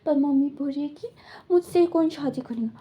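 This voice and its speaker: A woman's voice: high voice, normal speed, dark tone, voice pushed up, lightly acted. A woman voicing a small boy who pleads in a childish, whining way. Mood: pleading.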